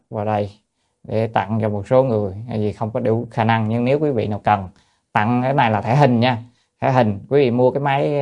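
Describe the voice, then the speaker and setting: A man who is a Buddhist monk, lecturing on a sutra in a loose, hesitant way with many fillers, chanting lines of classical text slowly before explaining them plainly. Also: mid-range voice, gravelly, a little mellow.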